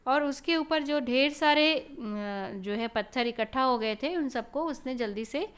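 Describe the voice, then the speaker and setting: A woman's voice: high-pitched, a little slow, fairly bright tone, clear, resonant tone. A woman telling a children's story in a teacherly way, stopping to explain words and to point to the pictures.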